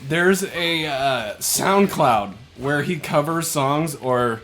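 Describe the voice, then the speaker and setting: A young man chats casually through a let's play, joking and swearing freely. His voice is bright and forceful with very lively pitch swings, over game music. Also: slow pace. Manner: profane, joking. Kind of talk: casual gaming banter. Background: video game music.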